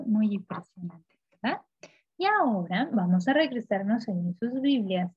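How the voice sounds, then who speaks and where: A woman's voice: fairly high pitch, husky, dry recording, lo-fi sound. A woman teaching a children's Bible lesson, telling the story with animation and asking the children questions. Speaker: Sunday school teacher.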